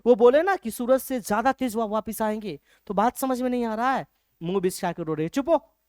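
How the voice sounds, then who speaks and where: A male teacher gives a lecture in a lively, conversational way. He keeps checking whether his listeners follow and slows right down to read lines of verse. The sound is dry and close. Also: very high-pitched, no room sound. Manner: lively, keeps asking if things are clear; reads English verse slowly. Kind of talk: classroom-style lecture.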